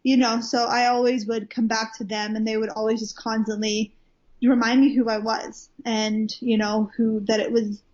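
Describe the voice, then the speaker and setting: She's a young woman from Wales with an American-sounding accent, chatting as a guest minister in a casual interview and telling her story with many fillers and restarts. Her voice is fairly high but darkish in tone. The recording is muffled and lo-fi.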